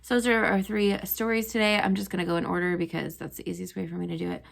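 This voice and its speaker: Young teacher lady chatting thru history stories, lots of ums, low gravelly voice. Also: flat delivery, fast talker. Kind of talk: casual history storytelling for students.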